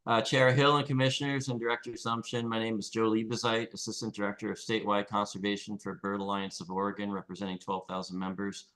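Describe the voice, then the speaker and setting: A man's voice: on the low side, flat delivery, fast talker, hardly any pauses, a bit bright, rough recording. A man giving formal prepared testimony to a commission, reading steadily from his remarks, calling in remotely. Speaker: public commenter for a conservation group.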